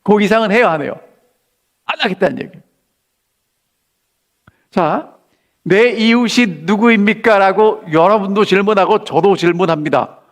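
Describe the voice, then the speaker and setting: A man's voice: high-pitched, moderate pace, pauses often. A male pastor preaching a sermon to his congregation. He keeps asking the people questions and acts out the lines he quotes.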